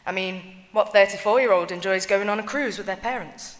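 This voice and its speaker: Woman reader, solemn measured eulogy reading, medium pitch, long church echo. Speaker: reader of family tributes at a funeral. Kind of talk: reading written eulogies aloud.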